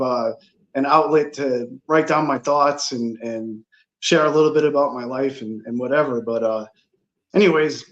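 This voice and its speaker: A man telling his story as an interview guest in a casual, halting, rambling way. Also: on the high side. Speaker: interview guest, travel blogger. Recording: slightly dull, lo-fi sound.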